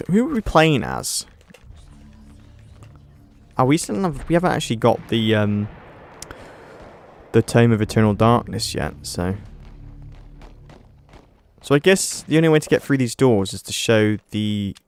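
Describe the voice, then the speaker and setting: A let's play gamer commentates casually on a horror game, haltingly reading on-screen text aloud, restarting often and letting out startled exclamations. His voice is lowish, with a little hiss or hum in the recording.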